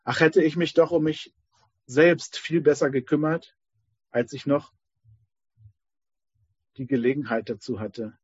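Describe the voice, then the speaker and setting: A dying rich old king pleads with a husky, slightly raised voice, as a man puts him on. He sounds lonely and regretful. The recording is dull, lo-fi and dry. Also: on the high side, measured pace, pauses often, no room sound.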